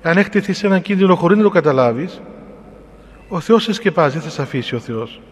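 A man with a Cypriot Greek accent, a clergyman, telling an unhurried, reflective personal story in sermon style. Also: a little high, animated, breathy edge, in a large hall. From Cyprus.

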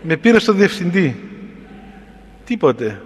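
A Cypriot-accented clergyman preaching through a personal anecdote, his voice sitting a little high for a man. He talks in an unhurried, reflective way. The sound trails off in a long hall reverb. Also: very animated, husky. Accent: Cypriot Greek. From Cyprus. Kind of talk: sermon-style personal storytelling.

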